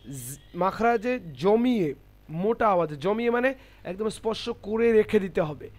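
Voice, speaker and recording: A man teaching a Quran reading class online, slowly and carefully demonstrating Arabic letter sounds with many repetitions. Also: sits high. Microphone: computer mic on a video call.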